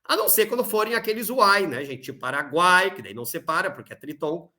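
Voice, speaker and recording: A man from southern Brazil with a gaúcho accent, teaching a recorded Portuguese grammar lesson, explaining step by step and slowing to spell out examples. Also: sits high, expressive, sharp tone. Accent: Rio Grande do Sul Brazilian Portuguese. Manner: explanatory, tag questions, slows to spell out examples. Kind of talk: recorded exam-review lesson.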